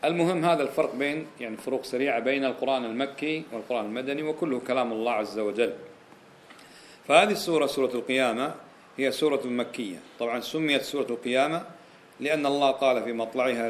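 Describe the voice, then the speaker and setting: A man's voice: mid-range voice, slight background noise. A man teaching a Quranic exegesis lesson, explaining point by point, repeating key phrases and putting rhetorical questions to his listeners. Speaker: religious teacher.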